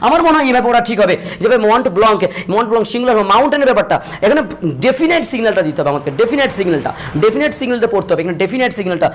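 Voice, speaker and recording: A man teaching a grammar lesson, repeating points and slowing down to spell out examples. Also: very high-pitched, lively intonation. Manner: repetitive, drills points, slows to spell out examples. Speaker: English teacher.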